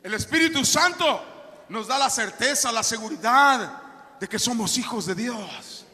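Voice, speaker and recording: A man preaching a sermon as pastor, emphatic, rising to shouts and dropping to soft, hushed asides. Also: very high-pitched, expressive, measured pace. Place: church sanctuary. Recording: long reverb of a church hall.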